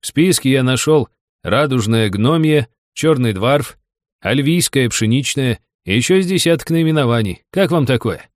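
In an audiobook, a man voices a talkative, hungover male gamer buddy who complains about money, storytelling with lively intonation at a moderate pace. His mid-range voice is pitched above his own yet close to an everyday voice, recorded dry with studio quality.

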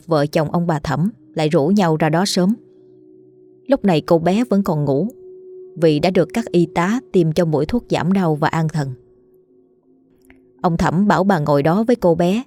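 A woman storyteller reading a ghost story in a steady, solemn scripted narration. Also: low voice.

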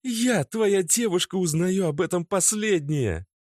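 A woman's voice: lowish voice, very animated, unhurried, darkish tone, no echo, studio quality, pitched above the performer's own voice. A man voicing an angry, disbelieving young woman who snaps accusations at her boyfriend. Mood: furious. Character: young woman, quick-tempered, sharp-tongued girlfriend.

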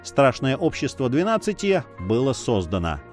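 A man narrating an adventure novel in an expressive, dramatic reading. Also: medium pitch, moderate pace, faint music behind. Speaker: audiobook narrator. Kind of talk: scripted narration.

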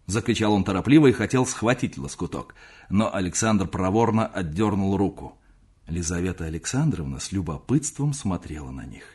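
A man reading a classic novel aloud as an expressive audiobook narrator. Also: deep voice, moderate pace, slightly rough. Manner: expressive reading that changes voices for the characters. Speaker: audiobook reader.

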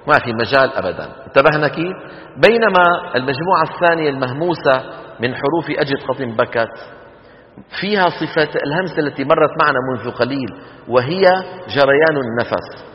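A man giving a classroom lecture on Quran recitation, explaining slowly and drilling students to repeat sounds. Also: on the high side. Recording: dull lecture hall recording.

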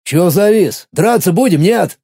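A man voicing an arrogant, hot-headed teenage boy in an audiobook, shouting and taunting. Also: high voice, animated, unhurried, slightly rough, dry recording, clean studio sound, pitched above the performer's own voice, full character voice. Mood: angry.

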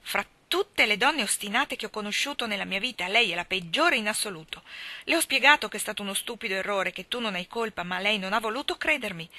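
A woman voicing a stern, practical older guardian in a storybook reading, with a brisk, no-nonsense manner. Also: mid-range voice, sharp tone, close to an everyday voice.

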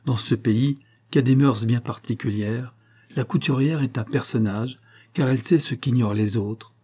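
A male audiobook narrator reading a classic novel. His voice is dark and mellow at a middle pitch, and he tells the story in a measured, even way. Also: slightly rough. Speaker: audiobook reader.

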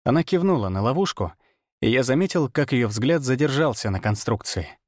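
A man narrating a fantasy audiobook in the first person, steady and measured. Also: medium pitch, no echo, studio quality.

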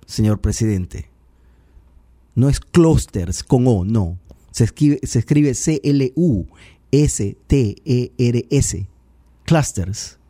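Male political commentator, mellow low timbre, dry close sound, sarcastic and pedantic. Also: no room sound. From Ecuador. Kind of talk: radio-style political commentary.

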